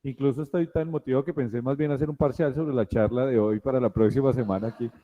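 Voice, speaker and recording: A man's voice: medium pitch, steady tone, fast. A man leading a class, thanking a guest speaker with many fillers and a joking aside. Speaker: course instructor. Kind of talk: class wrap-up. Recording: tinny phone-like line.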